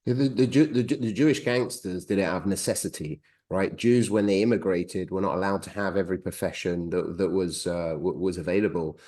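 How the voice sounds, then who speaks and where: A man's voice: sits low, a little fast, hardly any pauses, dark tone. A film director speaking casually in a video-call interview, explaining his point with a few restarts and checking in with the listener.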